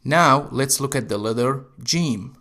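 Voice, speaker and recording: A man's voice: medium pitch, measured pace, bright, forceful tone. A man teaching Arabic letters, explaining how to write each one step by step. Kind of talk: instructional narration.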